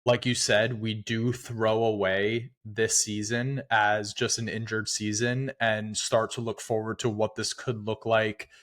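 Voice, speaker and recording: A man co-hosting a casual sports podcast, relaxed and conversational as he moves through the segments. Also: on the low side, unhurried, hardly any pauses. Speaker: podcast co-host.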